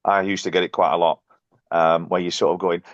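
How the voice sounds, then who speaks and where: A man, a podcast guest and coach, telling self-mocking basketball stories in a casual, animated way. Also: low voice, fairly quick, dry recording. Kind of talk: casual storytelling. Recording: dull, dry, lo-fi sound.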